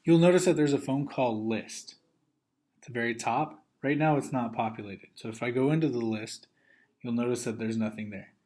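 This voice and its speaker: A male trainer talks viewers through a software training video step by step, in an orderly, methodical way. His voice is medium in pitch and his pace is normal.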